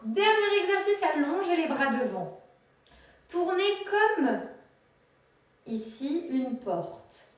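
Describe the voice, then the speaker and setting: A woman's voice: extremely high pitch, big pitch swings, slow pace, long pauses. A woman instructor leading an online pilates class in French, counting out reps and giving short commands. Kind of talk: guided fitness class instruction. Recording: echoey room, voice from afar.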